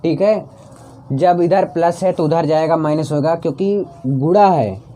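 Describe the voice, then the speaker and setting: In an unhurried, dark-toned voice on the high side, a man teaches a maths tutorial by chalk and talk. He nudges the students along, repeating each step so it sinks in, and he answers his own rhetorical questions.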